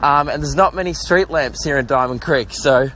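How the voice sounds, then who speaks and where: This casual walking chat comes from an Australian podcast host who is out of breath on suburban streets near traffic, rambling and making jokes at his own expense. He speaks at a moderate pace with a fairly high pitch and a fairly bright tone, over a little hiss or hum.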